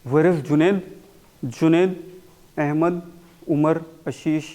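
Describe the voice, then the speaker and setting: A man teaching a spoken English class, mixing Hindi and English and slowly repeating words for his students to copy. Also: a little high, steady tone, dark tone. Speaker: English communication coach.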